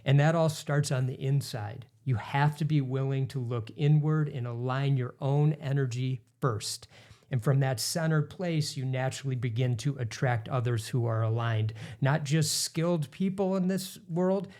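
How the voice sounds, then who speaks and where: A middle-aged man co-hosting a podcast, introducing the episode's topic in an earnest, smooth presenter tone. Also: mid-range voice, moderate pace, a little mellow. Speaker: podcast co-host.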